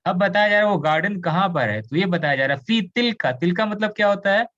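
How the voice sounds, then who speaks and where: A man's voice: high voice, expressive, quick pace, a bit bright, muffled recording. Indian man teaching Arabic grammar. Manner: explains patiently, mixes in English, asks students questions. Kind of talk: online class lecture.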